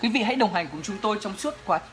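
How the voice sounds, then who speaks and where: A man's voice: high voice, animated, fast talker, over music. A young man imitating a formal television news anchor with a stiff announcer delivery.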